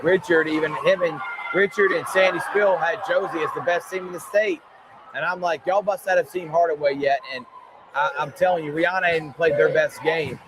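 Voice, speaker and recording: A man hosts a sports show in a fairly high voice. His commentary is conversational with emphatic stresses, recorded amid heavy outdoor ambient noise. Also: steady tone, a little fast.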